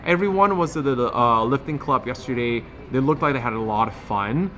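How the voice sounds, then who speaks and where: A man's voice: medium pitch, animated, normal speed, bright, forceful tone, slight background noise. A man giving a casual, enthusiastic fitness recap to viewers, talking in slangy phrases with a slightly swollen lip. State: swollen lip affecting speech. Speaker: fitness challenge vlogger.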